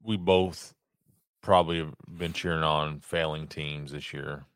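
Low-voiced man, casual podcast host. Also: steady tone, measured pace, dry recording, clean studio sound. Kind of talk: casual chat.

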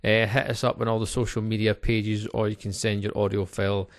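A man's voice: fairly low pitch, little pitch movement, fairly quick, no echo, studio quality. A man hosting a podcast, reviewing beer in an informal, chatty way.

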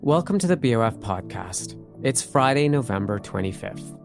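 A man hosts a podcast, reading a scripted introduction in a measured, formal tone. His voice sits at an ordinary pitch, with a clear music bed running underneath. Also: animated. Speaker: podcast host.

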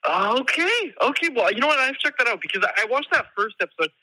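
A man's voice: very high voice, very animated, fast, sharp tone, dry recording, poor audio. A man heard over a speakerphone call as an impromptu podcast guest, bantering casually and riffing jokes.

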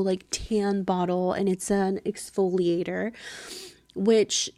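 A woman in her twenties hosting a casual solo podcast, chatty and informal, speaking softly and close, right in the listener's ear. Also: mid-range voice, dry recording. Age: 20s. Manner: chatty, informal, filler-heavy. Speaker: podcast host.

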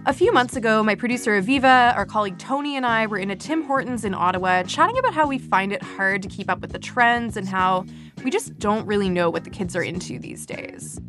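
A young woman from Canada hosts a podcast, narrating from a script with a wry, self-deprecating edge. Her pitch sits in the middle range. Music plays clearly under her. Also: animated, brisk. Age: 20s. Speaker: podcast host.

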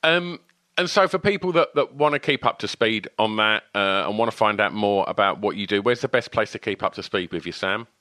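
Bright, forceful Essex man hosting a podcast. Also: on the low side, expressive, a little fast, no echo. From Essex, England. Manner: effusive, matey, informal slang. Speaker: podcast host. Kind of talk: casual, chatty podcast talk. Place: small room at home, alone.

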